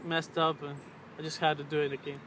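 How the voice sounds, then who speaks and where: A man in his twenties talks casually in a slightly high, fairly monotone voice, pausing and searching for words. He is outdoors on a camera's built-in mic, with clear traffic and ambient noise behind him. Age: 20s. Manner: hesitant, halting, searching for words. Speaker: vlogger. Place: outdoors on a riverbank under a road bridge. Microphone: camera's built-in mic at arm's length.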